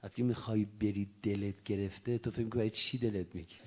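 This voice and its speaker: A man preaching a religious sermon to young listeners, swinging between loud urging and soft whispered asides. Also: fairly low pitch, steady tone, slightly rough.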